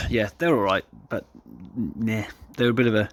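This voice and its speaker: A car hobbyist with a voice on the low side presents a DIY video at a moderate pace. He talks off the cuff while demonstrating hands-on, informal and self-deprecating. Background noise can be heard.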